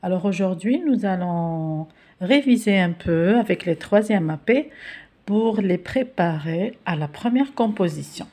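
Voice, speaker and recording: A woman teacher with an Algerian accent, explaining a school exercise and slowly spelling out letters and syllables. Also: lowish voice, expressive, warm tone. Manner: switches between French and Algerian Arabic, spells letters slowly. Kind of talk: classroom lesson video.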